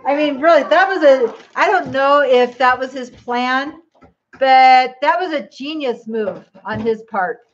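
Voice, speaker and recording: A woman's voice: high-pitched, a little slow, dull audio, slight background noise. A grandmother hosting a cooking livestream from her home kitchen, chatting casually and speaking straight to her viewers.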